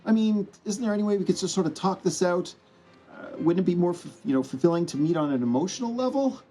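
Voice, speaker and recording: A man's voice: high voice, lively intonation, fast, dark tone, voice pushed up. A man voicing a chatty, wisecracking young male superhero in a tabletop game. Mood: pleading. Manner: joking, pleading.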